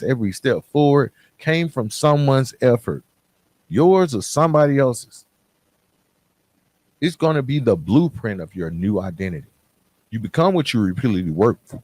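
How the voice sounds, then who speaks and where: In a recording with no echo, a man with a mid-range, slightly mellow voice hosts a podcast. He addresses listeners in an emphatic, plain-spoken motivational monologue full of repetition and contrast.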